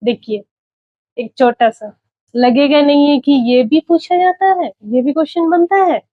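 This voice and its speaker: A woman's voice: sits high, measured pace, no room sound. A woman teaching a spelling lesson for exam prep, saying each example word several times while she writes and checking in with her students. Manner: checks in with students, calls them "बच्चे". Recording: dull lo-fi recording.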